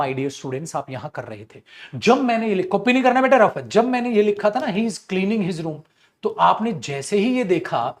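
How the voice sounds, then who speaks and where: A man teaching English grammar in an online class. He speaks in a fairly high voice, lively and playful, teasing his students as he explains. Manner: lively, jokey, addresses students as beta, acts out student voices.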